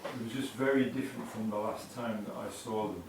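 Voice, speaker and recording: A man's voice: fairly low pitch, brisk, noisy background. A man hesitantly asking a question at a satsang, searching for words as he speaks. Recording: echoey, distant, no mic.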